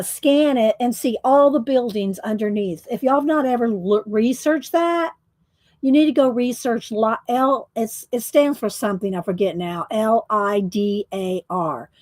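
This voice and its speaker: Brief: woman, live-stream host, rambling chatty delivery, slightly high pitch, dry close mic. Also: dark tone, no room sound. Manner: rambling, chatty, many restarts. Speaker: livestream host coloring. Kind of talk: casual live-stream chat with viewers.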